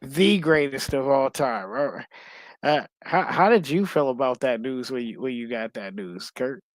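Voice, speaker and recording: A man co-hosting a podcast in casual chat, rambling and halting with many restarts and fillers. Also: medium pitch, no echo. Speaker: podcast co-host.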